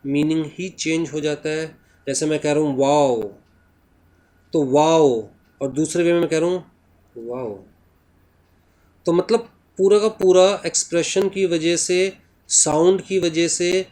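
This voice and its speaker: A man with an Indian accent, a native Hindi speaker, teaching a class in mixed Hindi and English. He keeps asking "right?" and reads English lines slowly. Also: on the high side, a little mellow.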